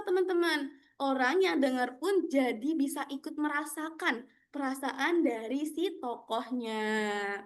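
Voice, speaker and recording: High-voiced woman teaching kids online. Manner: bright, animated, sing-song talk to children. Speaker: storytelling teacher for children. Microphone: video call.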